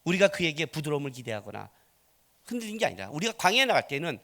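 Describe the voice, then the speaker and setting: A man's voice: fairly high pitch, very animated, fast, a bit bright. A man preaching a blunt, conversational sermon as a pastor, full of rhetorical questions.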